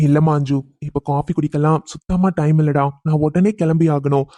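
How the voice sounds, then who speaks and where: A man's voice: on the high side, fairly even intonation, a little fast, mellow, dry recording, close to an everyday voice. Young police husband, stern and protective, played by a man, dry studio read. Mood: worried. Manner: angry scolding on the phone, tender with his wife. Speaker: police officer character.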